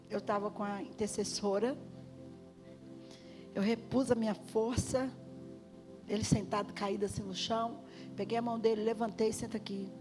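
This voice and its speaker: A woman giving an emotional testimony sermon, swinging from loud cries to hushed tones. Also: mid-range voice. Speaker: guest preacher. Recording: music playing behind the voice.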